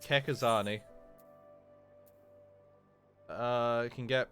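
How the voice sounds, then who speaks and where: A man's voice: medium pitch, steady tone, extremely slow, a bit bright, faint music behind. A man casually thinking aloud while streaming a game live, rambling and reacting to what he sees. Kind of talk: live gameplay commentary.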